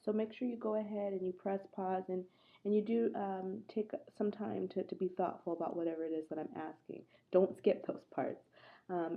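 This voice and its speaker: A woman lectures a class in a low, gravelly voice. It comes through a tinny laptop mic and sounds hollow and muffled, as if from the bottom of a well. She is conversational and earnest and keeps asking her students questions. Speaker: instructor. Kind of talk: recorded online lecture. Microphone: laptop microphone.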